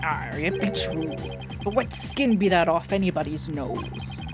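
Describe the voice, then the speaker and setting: A woman putting on a slow, drawling pirate voice for a boastful male rapper, with game music behind. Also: sits low, expressive. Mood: gruff.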